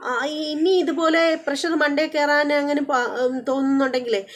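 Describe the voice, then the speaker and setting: A woman voicing a sweet, hesitant young wife in a TV serial recap, coaxing and full of trailing pauses. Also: sits high, fairly even intonation, lightly acted. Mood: coy.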